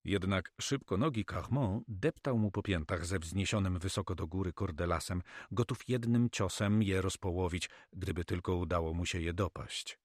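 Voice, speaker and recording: A man narrating an adventure story as an audiobook reader, with steady storytelling delivery. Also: deep voice, moderate pace, hardly any pauses, no echo, studio quality.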